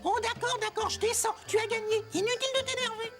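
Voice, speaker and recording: A woman doing Tico, squeaky cheeky critter. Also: fairly even intonation, quick pace, over loud music. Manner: cheeky, teasing, wheedling. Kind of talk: cartoon dubbing.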